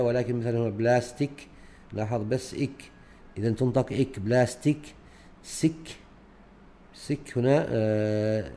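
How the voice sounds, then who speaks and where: A man with a Gulf Arabic accent teaching a grade-four English unit in a recorded lesson walkthrough, mixing Arabic explanation with English words and pausing often with fillers. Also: medium pitch, dark tone. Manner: switches between Arabic explanation and English words, many hesitations.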